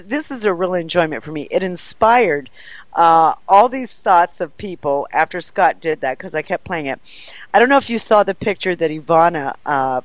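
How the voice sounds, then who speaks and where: A woman who organizes paranormal events, telling an excited story in an interview, animated and laughing often. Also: fairly low pitch, no echo, poor audio.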